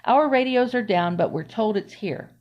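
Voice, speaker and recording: A woman voicing a large, loud male fireman with a booming manner. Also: animated, normal speed, lo-fi sound, natural voice. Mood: blustery. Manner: booming announcements.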